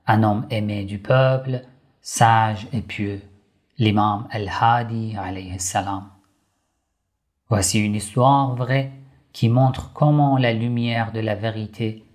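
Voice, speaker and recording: Speaking slowly in a fairly low voice, a man tells a religious story to children, addressing his young listeners gently and deliberately.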